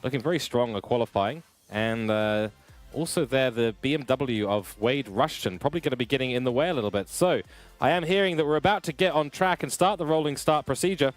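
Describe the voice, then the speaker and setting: A young man giving live commentary on a simulated car race, energetic and building excitement, his voice getting worn. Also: medium pitch, a little fast, soft background music. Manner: energetic, rising with excitement at incidents. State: losing his voice. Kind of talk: live sim racing commentary.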